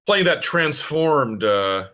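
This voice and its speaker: Tinny speakerphone man, bright voice. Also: on the high side, sing-song, takes it slowly. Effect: tinny laptop speakerphone sound. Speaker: player in an online tabletop game. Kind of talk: casual post-session chat. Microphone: laptop built-in mic on a voice call.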